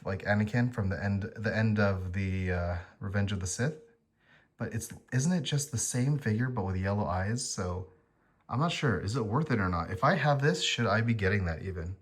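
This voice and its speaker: A man casually walking through his collectible figure displays, chatty and rambling, often pausing with ums and correcting himself. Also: lowish voice, husky. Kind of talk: casual vlog walkthrough.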